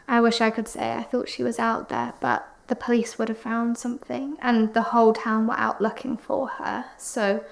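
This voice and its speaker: A woman playing a grieving young friend in a mock-documentary interview, hesitant and subdued, with a creaky voice. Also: on the high side, little pitch movement, normal speed, few pauses. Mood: subdued, resigned.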